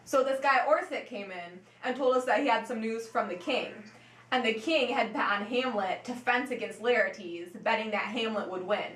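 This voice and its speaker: In an amateur interview skit, a woman plays Horatio, a grieving and loyal young male friend, and earnestly recounts events. Her voice is fairly high and a bit bright, delivered at a moderate pace with light acting, in an echoey room.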